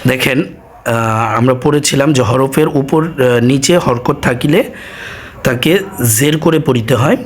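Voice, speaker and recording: A man teaching Quran reading, drilling each sound slowly and answering his own questions. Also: medium pitch. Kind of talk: slow drilled recitation lesson.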